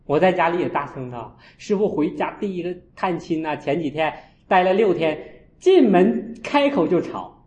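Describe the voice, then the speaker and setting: A man, a Buddhist monk, giving a storytelling dharma talk and acting out his own scolding with sharp jumps in voice. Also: a little high, expressive, moderate pace, few pauses. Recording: echoey, dull lo-fi room.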